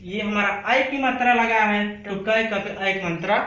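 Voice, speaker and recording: A man's voice: high voice, normal speed, sharp tone, echoey room, highs cut off. A man teaching a classroom lesson, repeating each sound and asking the class to say it back.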